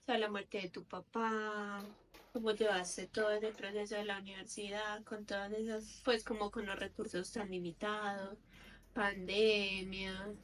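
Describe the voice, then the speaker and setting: A woman hosting a podcast, asking gentle questions while searching for words. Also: mid-range voice, little pitch movement, unhurried, slight background noise, low-quality recording. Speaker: podcast host. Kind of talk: interview questions.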